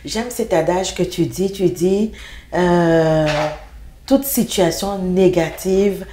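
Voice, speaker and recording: A woman's voice: on the low side, takes it slowly, mellow, a little hiss or hum. A woman hosting a faith talk show, asking probing questions and affirming her guest's answers. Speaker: interviewer host. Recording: echoey room sound.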